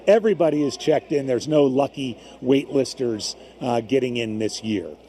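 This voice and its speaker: A man's voice: medium pitch, moderate pace, mellow. A man co-commentating conversationally on a live endurance race broadcast. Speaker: race co-commentator and former competitor. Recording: faint background noise from gym. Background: gym with runners gathering.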